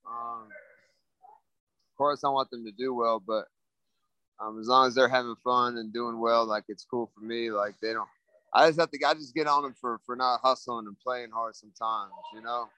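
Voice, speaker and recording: A man, a fighter, answering interview questions in a mellow, laid-back way with many fillers. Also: mid-range voice, fairly even intonation, moderate pace, dry recording, poor audio. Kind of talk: casual interview.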